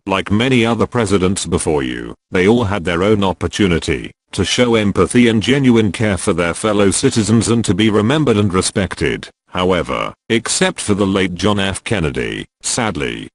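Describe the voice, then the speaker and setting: A man's voice disguised and pushed low by an electronic changer, reading a scripted statement in a solemn, declamatory way. The pitch still swings widely from phrase to phrase, and the sound is dry and close with no room around it. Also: no echo. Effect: disguised deep voice, electronically altered.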